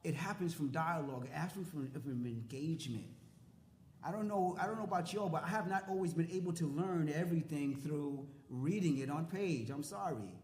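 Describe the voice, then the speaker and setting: A man's voice: a little high, fairly quick, darkish tone, a little hiss or hum. A man speaking on a panel at a law school event, impassioned and repetitive, swearing casually. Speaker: panelist, jailhouse lawyer. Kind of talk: panel discussion. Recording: echoey room.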